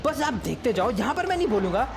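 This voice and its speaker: A man giving casual, joking commentary over footage of his own mobile game match. He speaks at an ordinary pitch and keeps addressing viewers as brothers. Faint music plays under his voice. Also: sing-song, quick pace. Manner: chatty, teasing, keeps saying "bhai sahab".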